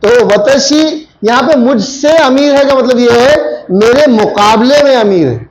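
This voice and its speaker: A man with a high, light voice teaches a grammar class, saying each phrase over and over. He keeps stopping to put questions to his students. A faint hum sits under the room sound. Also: measured pace, low-quality recording. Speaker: Japanese language teacher.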